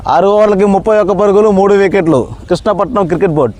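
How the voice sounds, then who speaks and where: Fast-talking man in excited cricket commentary. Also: sits high. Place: outdoors at a cricket ground.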